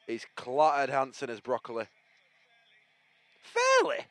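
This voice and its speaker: Man, Bradford accent, very lively pitch swings, casual football banter, jokey and blunt, dry close sound. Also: fairly quick, dry recording. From Bradford, England. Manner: excitable, jokey, blunt northern slang. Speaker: co-host of a football fan podcast. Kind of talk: casual banter and live match reaction.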